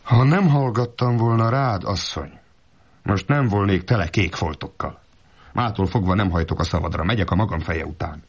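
A foolish, stubborn old peasant from a spoken folk tale, put on by a male storyteller. He talks in a plaintive, simple-minded way, a touch higher than the teller's own low voice. The recording sounds dull and lo-fi. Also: husky.

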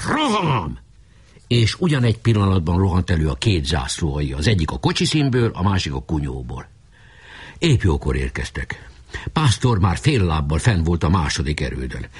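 A man narrating a story aloud in an expressive storytelling manner. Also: low-pitched, slightly rough. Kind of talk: audiobook narration.

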